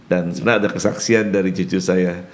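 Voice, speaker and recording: An older man, a pastor, talking on a podcast and telling personal stories in a warm way, often turning to address the host. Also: sits low, fairly even intonation, fast talker. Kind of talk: podcast conversation.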